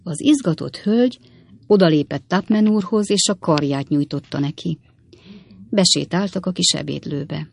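A woman narrating an audiobook in a measured, expressive reading. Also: lowish voice, gravelly.

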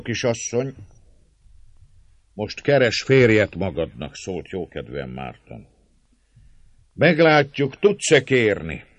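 A man voicing a coarse, mocking male friar who taunts a captive noblewoman, his voice raised, loud and sneering. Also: mid-range voice, no room sound, pitched above the performer's own voice. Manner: taunting, gloating, sneering mockery. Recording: dull lo-fi, dry sound.

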